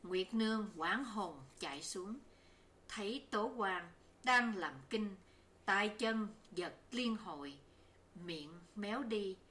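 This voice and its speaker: Slow, bright-voiced woman storyteller. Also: medium pitch. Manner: measured, even storytelling. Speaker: audiobook narrator. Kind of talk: scripted narration of a novel.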